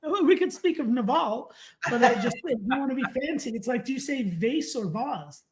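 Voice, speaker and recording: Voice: high voice, fast talker, a little mellow, a little hiss or hum. A podcast co-host chatting casually, with playful, teasing banter. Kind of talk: casual chat.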